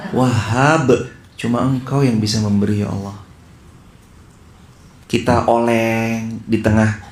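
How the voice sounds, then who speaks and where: A male preacher giving a sermon to an audience, shifting between casual explanation and slow, pleading chanted prayers. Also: mid-range voice, a little mellow, roomy sound, slight background noise. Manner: pleading, chanted Arabic verses, addresses audience.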